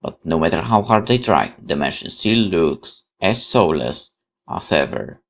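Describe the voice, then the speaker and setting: His voice sits low and sounds a bit bright, very animated yet unhurried. As a let's player, he dramatizes the visual novel's narration for viewers like a storyteller and muses aloud between passages.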